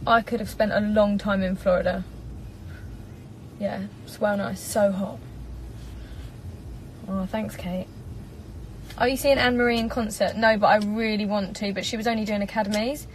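Long pauses break up the steady, medium-pitched speech of an English woman in her twenties, who talks at a moderate pace. She's a singer live-streaming from a parked car, reading comments in a chatty, bubbly, giggly way into a phone propped before her. Slight background noise sits on a low-quality recording.

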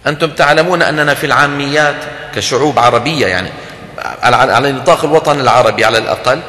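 A man's voice: mid-range voice, racing, sharp tone. Man lecturing in an echoey hall. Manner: explanatory, asks the audience questions and demonstrates sounds. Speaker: lecturer on Quran recitation. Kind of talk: religious lecture to an audience.

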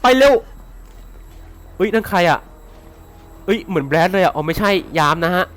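A man commentating his game playthrough in an excitable way, swearing and laughing as he plays. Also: high voice, normal speed. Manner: excitable, swears and shouts often; laughs a lot. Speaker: gaming YouTuber.

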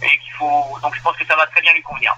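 Hesitant man, bright voice. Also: fairly high pitch, flat delivery, fast talker, lo-fi sound. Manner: hesitant, many fillers and restarts. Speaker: racehorse trainer. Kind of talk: phone interview.

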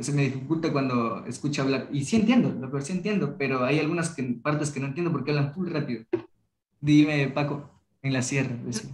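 A man's voice: fairly high pitch, echoey room, low-quality recording. Young man teaching over a video call. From Ecuadorian Amazon. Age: young adult. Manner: casual, halting, with many restarts. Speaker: Kichwa workshop teacher. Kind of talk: online class discussion.

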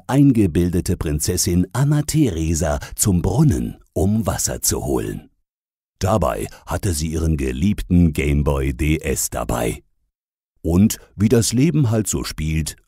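A man's voice: rumbling low, dark tone, breathy edge, dry recording, clean studio sound. A man narrating a comic fairy-tale parody in a mocking, sarcastic tone. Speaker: storyteller.

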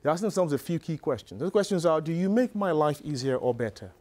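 A middle-aged man giving a motivational business talk to a live audience, telling a story in a lively, conversational way. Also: a little high, quick pace. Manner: animated, conversational storyteller with frequent "you know". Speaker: business speaker. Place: live presentation before an audience.

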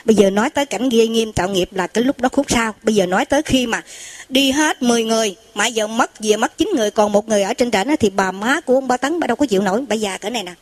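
A woman recounts religious miracle tales in a high-pitched voice. She tells the story lively and conversationally, often turning to address her listeners directly. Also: fast talker, no echo.

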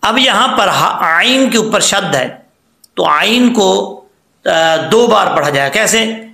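A man with a high, bright voice and a gravelly edge teaches Quran reading at an unhurried pace. He spells out each syllable patiently, then chants the word slowly. The sound has a roomy echo. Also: lively intonation.

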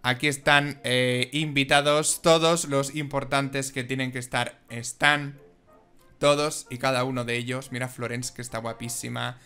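A man giving casual, excitable and emotional commentary on a life-simulation game. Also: mid-range voice, a little slow, clean tone, faint music behind. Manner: excitable and emotional, exclaims and giggles. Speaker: gaming video host.

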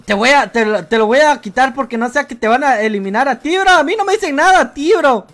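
A woman's voice: high voice, lively intonation, fast, fairly bright tone. A woman from Guatemala with a Guatemalan Spanish accent, hosting a livestream and reading viewers' jokes aloud in a playful, teasing way, always calling people "bro". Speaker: livestream host.

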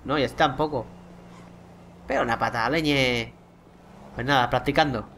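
A young man with a Spain Spanish accent giving chatty, excitable let's play commentary to his viewers, swearing casually as he plays. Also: mid-range voice, moderate pace, slight background noise. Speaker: gaming YouTuber.

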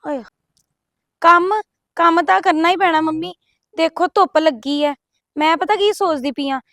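Woman playing a meek, very high-voiced daughter. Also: unhurried, a bit bright, no room sound, clean studio sound, full character voice. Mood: chatty. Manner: meek, pleading. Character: meek, hardworking young married daughter. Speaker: married daughter. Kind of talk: scripted family skit.

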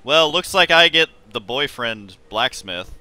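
Bright, animated man streaming a game. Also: medium pitch, measured pace, no room sound. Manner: excitable, jokey. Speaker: livestream gamer host. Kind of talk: casual gameplay commentary. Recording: faint game noise behind.

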